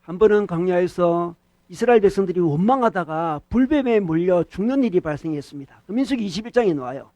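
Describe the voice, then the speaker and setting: A man preaching a sermon as pastor, animated, repeating key phrases and questioning the congregation. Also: sits high, dry recording. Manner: animated preaching, acts out short rebukes to the devil.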